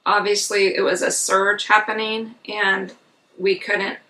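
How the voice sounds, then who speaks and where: A woman's voice: medium pitch, flat delivery, a little slow, pushed and bright, a little hiss or hum. A middle-aged woman telling a personal story in a casual, earnest and candid way, as a vlogger. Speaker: vlogger recounting RV life. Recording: slightly distant mic, music underneath.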